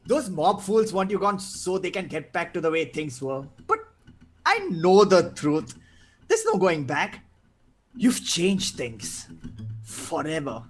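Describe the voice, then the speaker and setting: A woman's voice: fairly low pitch, very animated, slow pace, heavily acted. A woman playing a gleeful, taunting male criminal madman in a script read, drawling theatrically. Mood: taunting, sly. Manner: theatrical, drawling, breaking into cackles. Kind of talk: table read of a film script. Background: live guitar music.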